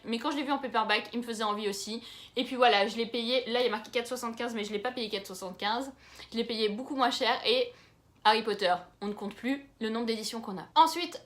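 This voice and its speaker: A woman's voice: sits high, fairly bright tone. A young woman from France chatting enthusiastically in a casual book haul vlog. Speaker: book YouTuber.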